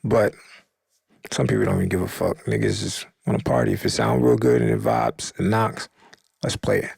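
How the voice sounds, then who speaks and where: A man hosting a podcast, telling a story in slangy, profane casual talk and acting out what people said in a higher voice. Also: steady tone, moderate pace, creaky, darkish tone, breathy edge, no echo, clean studio sound. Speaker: podcast host.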